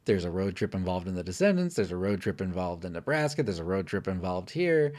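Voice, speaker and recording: Male film-review co-host, lowish voice, chatty and candid, restarts often. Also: big pitch swings, fairly quick, darkish tone. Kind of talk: casual film review chat.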